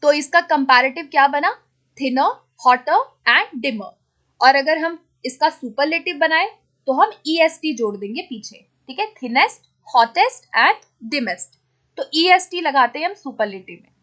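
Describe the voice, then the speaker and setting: High-voiced woman teaching grammar. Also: expressive, a bit bright. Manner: asks questions then answers them, checks in with "ठीक है?"; spells out words slowly and repeats them. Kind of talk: exam-prep grammar lesson.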